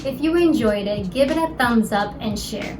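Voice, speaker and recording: This young Filipino-American cooking channel host, a native Tagalog speaker from the Philippines, happily explains each step of a cooking demonstration. She sounds animated, with a fairly high pitch and moderate pace, and music plays underneath.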